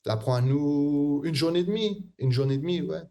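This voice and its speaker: Mellow-voiced man. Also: on the high side, a little fast. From Réunion. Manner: hesitant, many fillers and restarts. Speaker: guest artist. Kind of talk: casual interview answers.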